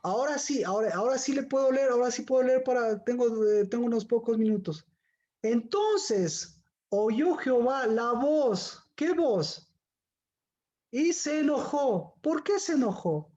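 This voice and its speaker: A woman's voice: a little high, lively intonation, unhurried, warm tone, lo-fi sound. A woman giving a Bible teaching, firing rhetorical questions at her listeners.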